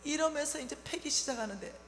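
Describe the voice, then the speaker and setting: A woman's voice: high-pitched, fast talker, fairly bright tone. A woman giving an emotional sermon testimony, acting out both sides of a family quarrel. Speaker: church speaker giving a testimony. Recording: echoey hall with faint hum.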